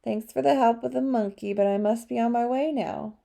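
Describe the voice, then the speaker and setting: A woman's voice: a little high, fairly quick, creaky, dark tone, pitched above the performer's own voice. A woman reading a defiant, foul-mouthed young vampire woman in an audiobook, speaking sarcastically.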